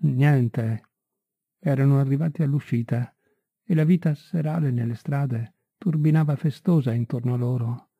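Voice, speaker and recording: A man reading a literary story aloud in a measured, unhurried way, on a tinny, dry recording. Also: medium pitch, breathy edge, no room sound. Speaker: audiobook reader. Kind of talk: literary audiobook narration.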